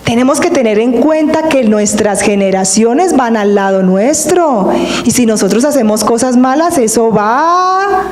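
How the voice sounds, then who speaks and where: A woman preacher delivering a sermon, reading scripture and explaining it with earnest, drawn-out emphasis. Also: a little high, animated, darkish tone, slight background noise. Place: church hall. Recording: echoey hall with long reverb.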